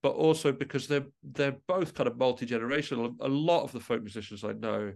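A musician and composer is interviewed on a podcast, speaking thoughtfully and feeling his way through sentences, restarting again and again. His voice is medium in pitch, fairly quick, darkish in tone, with vocal fry.

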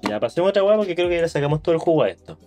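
A man's voice: fairly high pitch, big pitch swings, racing, dark tone, faint music behind. A young man with a Chilean accent in a casual podcast chat, crude and joking, laughing often. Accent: Chilean Spanish.

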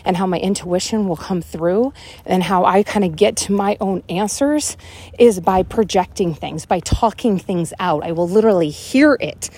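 A woman in her forties hosting a casual walk-and-talk monologue, thinking out loud with lots of fillers as she strolls around her neighborhood. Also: medium pitch, normal speed, slightly rough. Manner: rambling, animated, thinks out loud with many fillers. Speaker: podcast host. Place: walking outdoors around a neighborhood.

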